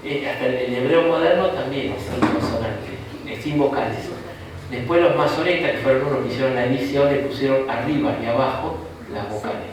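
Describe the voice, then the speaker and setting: A man with a Rioplatense Argentine accent, a bishop teaching a Bible course, speaks at medium pitch and a brisk pace, chatty and jokey, often ending sentences with a rhetorical "¿no?". He is recorded from afar in an echoey room, with a crowd audible in the background.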